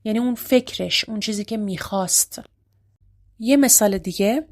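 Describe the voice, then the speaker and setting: A Persian-accented woman gives an English grammar lesson in a mid-range voice. She moves fast through her explanations but slows down to read the English examples clearly.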